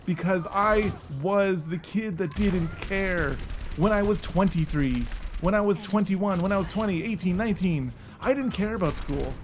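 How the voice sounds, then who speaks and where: A man's voice: high-pitched, moderate pace, slight background noise. A man in his thirties delivering a casual, weary and earnest back-in-my-day rant, repeating himself for emphasis. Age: 30s. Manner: emphatic repetition for stress.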